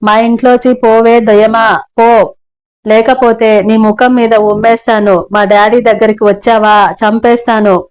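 A woman's voice: on the high side, level tone, unhurried, darkish tone, clean tone, natural voice. A woman reading an audio novel, voicing a spoiled little girl who shrieks threats through tears. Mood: angry, tearful. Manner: shrieking threats while crying.

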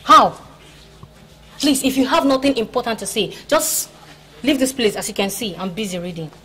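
A woman's voice: a little high, normal speed, a bit bright, soft background music, lightly acted. A woman playing a stern, dismissive schoolgirl. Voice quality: curt, firm, scolding. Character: stern, dismissive young female student. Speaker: student. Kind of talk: comic film acting.

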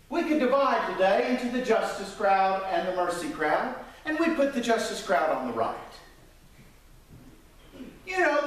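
A man in his fifties preaching a sermon from a church pulpit, gesturing and swinging his voice high and low. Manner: animated, gesturing preacher with wide swings in pitch. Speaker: pastor. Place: church sanctuary. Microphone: pulpit mic, filmed from the pews. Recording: echoey church from a distance.

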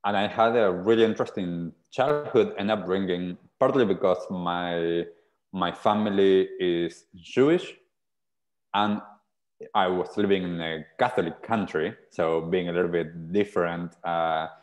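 A man in his thirties from Argentina speaks with a very low voice. He tells his story in an earnest, reflective way, as a guest on a video-call interview. The sound comes through small earphone mics in a small room. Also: unhurried. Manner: earnest, reflective, gestures while talking. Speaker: podcast guest. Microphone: earphone headset on a video call.

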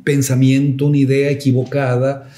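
Mellow-voiced pastor telling a testimony. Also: male voice, mid-range voice, completely flat delivery, moderate pace. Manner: reflective storytelling with hesitant fillers, rising to emphatic preaching.

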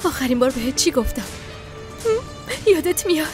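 A woman dubbing a cornered, furious young woman in a TV drama, sharp and commanding, over a music bed. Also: high voice, big pitch swings. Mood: taunting. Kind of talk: dubbed TV drama. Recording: music playing under the voice.

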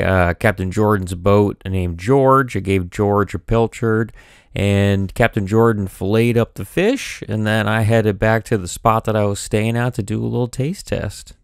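A man calmly narrating a voice-over recap of his fishing day. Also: lowish voice, clean tone, no room sound, studio quality. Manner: calm, matter-of-fact recap. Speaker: video host.

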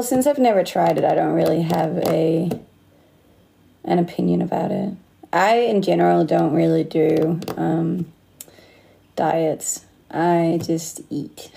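A lowish, creaky, dark-toned female voice belongs to a Danish livestream host in her late twenties who has a slight Australian accent. She reads comments and chats casually from her phone, close to her face in an indoor room, laughing often.

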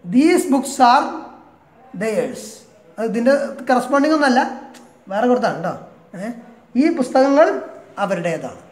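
A man from Kerala teaching an English grammar lesson. He reads example sentences slowly, explains them at length and keeps checking with short "eh?" prompts. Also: high voice, big pitch swings, reverberant. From Kerala, India.

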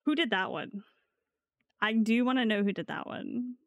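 A woman's voice: on the high side, moderate pace, no room sound. A woman streaming casually as a VTuber, talking in a playful, giggly gamer-girl way with swearing, close on the mic. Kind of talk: casual live stream chat.

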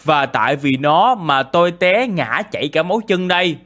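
A man voicing an angry old male villager in a game, speaking sternly and slowly. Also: fairly high pitch, lively intonation, a bit bright.

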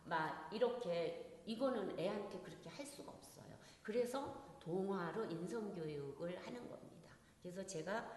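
A middle-aged woman who writes children's stories, giving a lecture on reading stories aloud, with a lively delivery that acts out scolding parents. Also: fairly low pitch. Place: lecture hall. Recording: echoey lecture hall, faint noise.

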